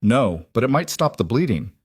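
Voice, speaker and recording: A man's voice: medium pitch, big pitch swings, moderate pace, a little mellow, husky, no echo, studio quality. A man voicing a proud, tense wealthy businesswoman in a storybook reading, in a clipped manner. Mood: determined. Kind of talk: storybook narration.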